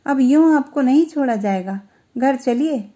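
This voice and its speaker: A woman voicing a young, alluring courtesan who speaks softly and coaxingly. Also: high voice, expressive, a little slow.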